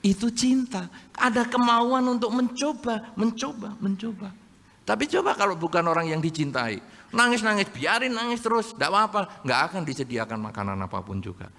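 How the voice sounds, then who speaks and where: An older man, a Buddhist monk, giving a sermon, telling lively stories and acting out quotes with humor. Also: high voice, normal speed. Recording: long hall reverb.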